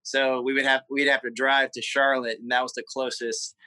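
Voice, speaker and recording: Bright-voiced Southern man. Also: medium pitch, level tone, no echo, low-quality recording. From South Carolina. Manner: halting, repeats words, many fillers. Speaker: guest. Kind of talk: personal interview conversation.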